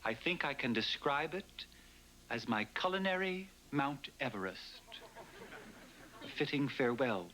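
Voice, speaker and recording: A man's voice: medium pitch, big pitch swings, unhurried, sharp tone, slight background noise, low-quality recording. An actor playing a formal, loyal male household servant in a 1980s sitcom, precise and dryly ironic.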